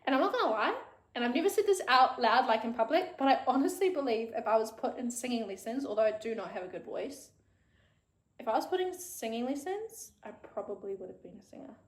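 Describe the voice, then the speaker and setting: A woman's voice: a little high, expressive, fairly quick, reverberant. A woman in her thirties with a New Zealand accent, chatting frankly and casually on her own show, swearing freely. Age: 30s. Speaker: podcast host. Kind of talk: casual solo chat.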